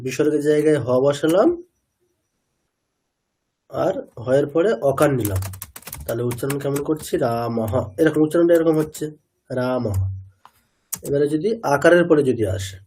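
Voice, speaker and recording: A male teacher, teaching an online chanting class over a video call, patiently checking that students follow and modelling each pronunciation slowly. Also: fairly high pitch, warm tone. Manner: patient, keeps checking understanding with tag questions.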